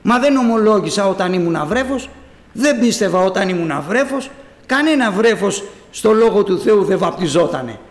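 A man preaching an evangelical sermon and telling his own testimony, acting out the voices he quotes and calling out loudly. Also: sits high. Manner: animated, acts out quoted voices, calls out loudly. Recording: roomy hall reverb.

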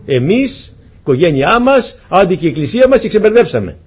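A man's voice: high-pitched, big pitch swings, slightly rough. A man preaching a sermon to his congregation, earnest and pleading, often asking them questions.

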